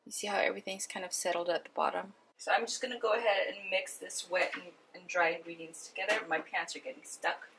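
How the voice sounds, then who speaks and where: A woman with a slightly low voice hosts a casual cooking demonstration. She talks informally and chattily, addressing her viewers directly as she explains each step. There is faint background noise behind her. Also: steady tone, quick pace, vocal fry. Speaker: host of a cooking video.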